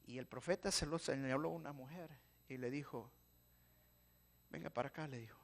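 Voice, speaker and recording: A male pastor, preaching a sermon and swinging from hushed pleading to loud exhortation. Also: medium pitch, a little fast. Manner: preaching with sudden shouts and soft pleading drops.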